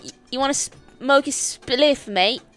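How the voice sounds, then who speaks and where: A woman's voice: sits high, a little slow, a bit bright, soft background music. A woman co-hosting a casual talk show, laid-back and slangy, often laughing. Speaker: podcast co-host. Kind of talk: casual chat.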